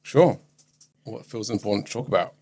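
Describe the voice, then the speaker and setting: A man working as a therapist, guiding a session with calm, gentle, inviting questions. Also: lowish voice, normal speed, vocal fry, husky.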